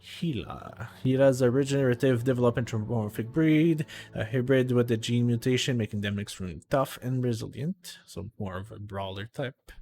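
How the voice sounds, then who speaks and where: A man's voice: medium pitch, a little fast, few pauses, dark tone. A man streaming a video game live, talking casually to chat with many fillers and restarts while he reads menus aloud.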